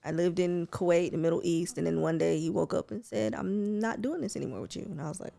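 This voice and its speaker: A woman in her late thirties, co-hosting a podcast and telling her own story in a candid, animated way, using slang. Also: on the low side, quick pace, creaky. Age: 30s. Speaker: podcast co-host. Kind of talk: casual chat.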